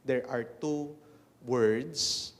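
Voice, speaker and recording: A Filipino-accented man, a priest, speaking at Mass in a measured, deliberate way with cathedral echo. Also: medium pitch, steady tone. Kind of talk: liturgical reading and homily. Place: large reverberant church.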